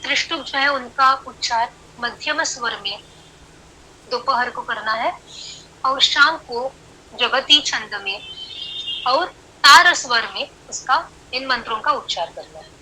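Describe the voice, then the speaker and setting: A woman's voice: sits high, a little slow, bright, forceful tone, husky, rough recording. A woman teaching a Sanskrit class online, explaining patiently and counting syllables aloud as she switches between Hindi and English.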